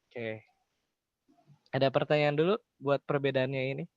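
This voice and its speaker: A young man with a mid-range voice and fairly even intonation tutors accounting at a moderate pace. He keeps it colloquial, explaining step by step and frequently answering his own questions. The recording sounds muffled, without echo.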